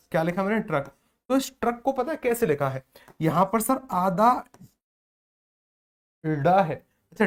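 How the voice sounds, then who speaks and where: A man teaching a language lesson, going through mock test answers and checking in with his listeners again and again. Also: high voice. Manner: repetitive, checks in with listeners often.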